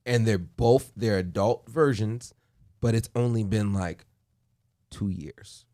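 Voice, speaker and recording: A man hosting a podcast, chatting casually and excitedly in quick bursts with restarts. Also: lowish voice. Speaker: podcast host. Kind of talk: casual chat.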